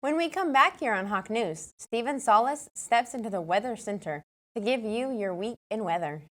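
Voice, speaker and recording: A woman's voice: on the high side, expressive, moderate pace, fairly bright tone. A teenage girl anchoring a student news show, steadily reading a list of school announcements and award winners.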